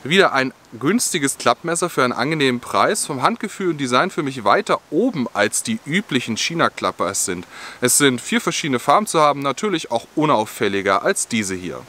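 A young man hosts an outdoor gear vlog in a forest, explaining products in a friendly way with details that sound scripted. His medium-pitched voice is bright, forceful, brisk, and sing-song.

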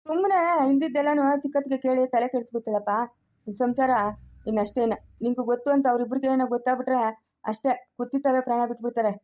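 A woman's voice: high voice, quick pace, mellow, natural voice. A woman acting a caring middle-aged village mother in an amateur family drama, with a soothing, advising way of talking.

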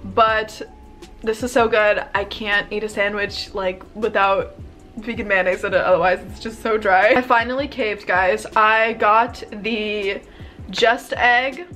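A woman's voice: mid-range voice, fairly even intonation, unhurried, fairly bright tone, faint music behind. A young woman in her twenties talking casually to camera in her bedroom, bubbly and gushing, with lots of "like" and "um". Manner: bubbly, chatty, gushing, frequent "like" and "um". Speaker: vlogger. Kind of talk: casual haul video.

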